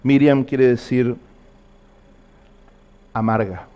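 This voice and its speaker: A man's voice: mid-range voice, fairly even intonation, extremely slow, warm tone, highs cut off. Man preaching with earnest questions. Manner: earnest, repetitive questions to the listener. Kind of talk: sermon.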